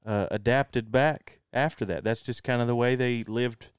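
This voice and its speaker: A man in his forties from Texas, co-hosting a casual local-history podcast in an easygoing, soft-spoken way. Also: medium pitch, steady tone, normal speed, clean tone, no echo, clean studio sound. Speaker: podcast co-host. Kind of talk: casual chat.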